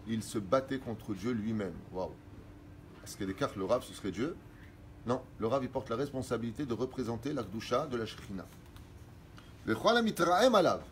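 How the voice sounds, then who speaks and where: A middle-aged man, a rabbi, teaching religious law and explaining quickly read Hebrew sources in French. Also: mid-range voice, slight background noise.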